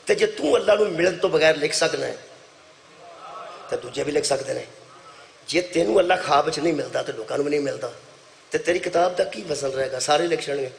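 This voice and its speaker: A middle-aged man with a Punjabi accent delivers a sermon to a gathered audience, his somewhat high voice roughened by a gravelly edge. He tells a story, rising into loud declaiming and dropping into soft asides, repeating lines for emphasis. Faint room ambience sits behind him. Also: slight background noise. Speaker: Shia cleric preaching at a majlis. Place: religious gathering before an audience.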